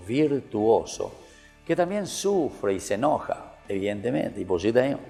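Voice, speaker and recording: Male priest, gravelly and mellow, conversational sermon style, reverberant with soft music. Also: mid-range voice. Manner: conversational preaching, mixes in Guarani words, rising when voicing Moses. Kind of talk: radio Bible reflection.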